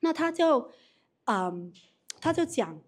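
A woman runs a live business training, her voice sitting a little high. She is animated, asks the room questions and restarts her sentences often, talking straight to the people in front of her. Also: takes it slowly. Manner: animated, repeats questions to the audience, frequent restarts. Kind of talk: live training talk with audience Q&A.

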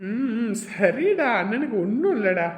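Actor as an easygoing young brother, calm and reassuring. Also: male voice, very high voice, unhurried, exaggerated voice. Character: young brother, cheerful hardworking laborer.

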